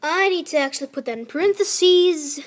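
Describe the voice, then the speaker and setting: A woman's voice: extremely high pitch, moderate pace. A young girl chatting casually as she plays a video game, scolding her villagers and narrating what she builds. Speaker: gamer. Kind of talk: casual gameplay commentary. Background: faint music from a clarinet.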